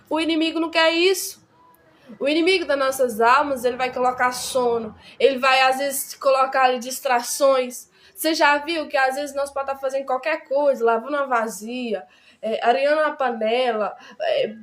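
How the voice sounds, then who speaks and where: Woman, high voice, chatty bible study teaching, keeps asking "right?". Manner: chatty, repeats words, many tag questions.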